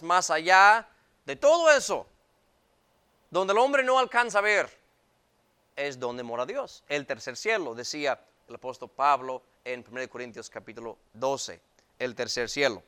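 A man preaching a sermon to his congregation in a church, speaking emphatically and swinging between loud and quiet. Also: fairly high pitch, animated, measured pace, smooth. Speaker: pastor.

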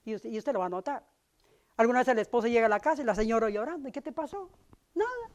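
A man's voice: extremely high pitch, racing, highs cut off. A middle-aged man preaching from the pulpit in an easy, conversational way. He keeps checking in with his listeners through short tag questions as he speaks. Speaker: pastor. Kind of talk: sermon.

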